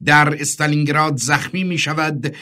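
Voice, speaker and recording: A man reading an audiobook aloud with a dramatic, expressive storytelling delivery. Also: a little high. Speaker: audiobook narrator.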